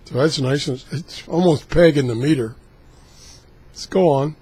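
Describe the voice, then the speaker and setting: A man casually demonstrating radio scanning, haltingly thinking aloud as he goes. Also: a little high, a little mellow, breathy edge. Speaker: radio hobbyist host.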